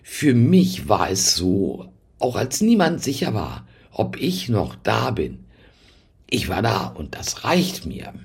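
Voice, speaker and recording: A man voicing a calm, clear woman who was once a coma patient, speaking plainly. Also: lowish voice, takes it slowly, heavily acted.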